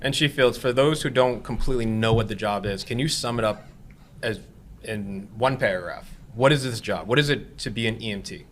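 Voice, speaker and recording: A man's voice: lowish voice, brisk, a little hiss or hum. A man hosting a recruitment podcast as an EMS captain, upbeat and urging listeners to act. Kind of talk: casual recruitment podcast talk.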